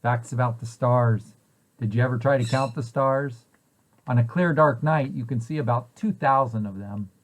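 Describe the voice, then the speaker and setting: A man who directs a preschool site reads a children's picture book aloud at a normal speed, putting questions to the kids and then answering them in an explanatory way. His voice is mid-range, and the audio quality is poor.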